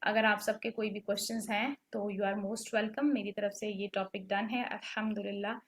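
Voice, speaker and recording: A woman's voice: medium pitch, little pitch movement, moderate pace. A woman teaching a Quran recitation class, patiently explaining rules and checking that students follow. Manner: patient, checks understanding with "ठीक है?". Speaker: tajweed teacher. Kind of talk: online class instruction.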